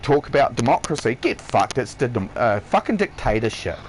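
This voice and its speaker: A man's voice: mid-range voice, big pitch swings, fairly quick, background noise. A man who works as a chef, ranting on a live stream in a blunt, heavily profane, emphatic way. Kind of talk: ranting livestream monologue. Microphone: console headset or stream mic.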